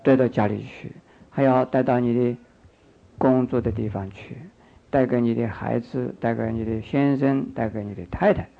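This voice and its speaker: A man's voice: mid-range voice, fairly even intonation, normal speed, gravelly. An older man preaching a Buddhist sermon, coaxing his listeners, repeating phrases and asking them questions. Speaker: Buddhist monk teacher. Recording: dull lo-fi recording.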